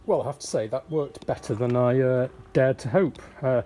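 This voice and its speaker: A man's voice: mid-range voice, moderate pace, mellow, slight background noise. A middle-aged man casually talking through his boat fit-out on camera, rambling with fillers and restarts and poking fun at himself. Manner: rambling, many fillers and restarts, self-deprecating. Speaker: vlogger fitting out a narrowboat. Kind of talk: casual self-filmed build vlog. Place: outdoors on a boat roof and inside a boat workshop.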